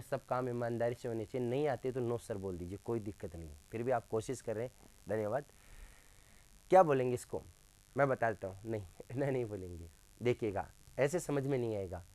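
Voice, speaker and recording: A male teacher leading a grammar lesson in a classroom. He keeps quizzing his students and slowly repeats sounds for them. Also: medium pitch, a little mellow.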